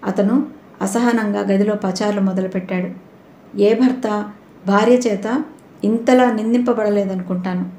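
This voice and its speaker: Woman narrator for an audio novel, measured delivery, mellow voice, roomy echo. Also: medium pitch, fairly even intonation, slight background noise. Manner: measured storytelling. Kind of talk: scripted narration. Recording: roomy echoey recording.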